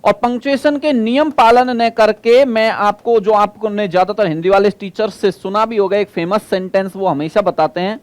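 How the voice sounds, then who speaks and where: High-voiced and steady in tone, this male teacher preps students for exams by repeating explanations, posing questions, and stretching out key terms. The recording is dry.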